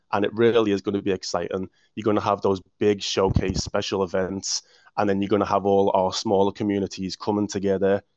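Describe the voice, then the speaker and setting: Answering an interviewer with enthusiasm, a council official from Liverpool speaks in a lowish voice and keeps restarting his words. The recording is muffled and dry, without echo.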